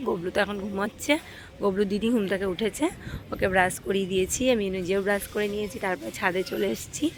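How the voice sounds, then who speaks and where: A woman's voice: medium pitch, a bit bright, slight background noise. A woman, chatting homely to her viewers in a casual home vlog, filmed on a phone on her rooftop and around the house. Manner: chatty and homely, fillers like "tho chalo". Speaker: vlogger and mother. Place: home and rooftop, partly outdoors.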